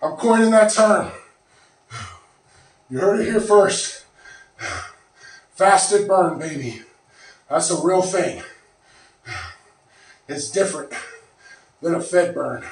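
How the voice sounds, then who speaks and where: A man's voice: high-pitched, slow pace, long pauses. A man in his thirties, out of breath after lifting, rambling casually to the camera in a small home gym. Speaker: fitness vlogger. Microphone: far camera. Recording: very echoey room, from far off.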